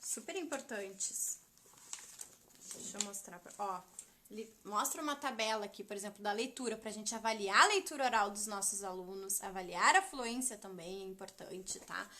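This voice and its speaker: A woman, giving a chatty, animated live-stream talk on teaching children to spell. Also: medium pitch, normal speed. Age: 30s. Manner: chatty, animated, addresses viewers as "gente". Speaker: literacy teacher educator.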